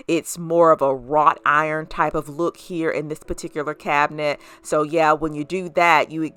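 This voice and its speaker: Bright, clear woman with a lisping whistle. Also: low-pitched, no echo, clean studio sound. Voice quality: lisping, whistly s sounds from new braces. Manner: chatty, addresses viewers as guys. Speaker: host of a home and lifestyle vlog. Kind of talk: casual vlog narration.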